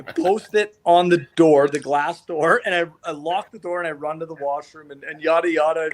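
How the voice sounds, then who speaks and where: A man's voice: on the high side, steady tone, moderate pace. A man hosting a podcast, telling a story in casual chat and laughing often. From Canada. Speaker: podcast host.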